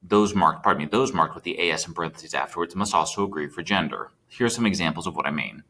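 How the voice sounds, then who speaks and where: A man's voice: low voice, lively intonation, fast talker, bright, forceful tone, slightly rough. A man teaching a recorded Spanish lesson, chatty and checking in with his students as he types. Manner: chatty, checks in with students, talks while typing.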